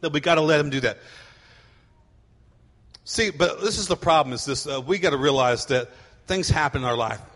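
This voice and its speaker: Bright-voiced pastor preaching in a reverberant hall. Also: male voice, fairly high pitch, moderate pace, pauses often. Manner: animated storytelling, acting out voices of kids. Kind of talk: sermon.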